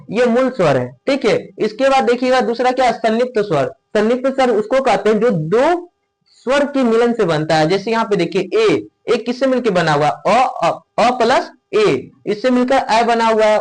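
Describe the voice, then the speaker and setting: High-voiced grammar teacher. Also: male voice, low-quality recording. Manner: asks rhetorical questions and answers them himself, repeats "ठीक है"; stretches sounds out slowly when demonstrating pronunciation. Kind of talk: classroom explanation.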